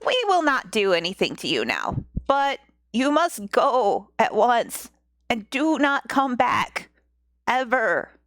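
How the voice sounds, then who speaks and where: A woman voicing a kind but stern female goat from a fairy tale, speaking in a calm, formal way. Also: on the high side, takes it slowly, dry recording, clean studio sound, full character voice.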